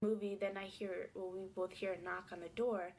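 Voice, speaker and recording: A woman telling a personal story in a soft, hesitant way, sometimes dropping to a near-whisper. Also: medium pitch, little pitch movement, moderate pace.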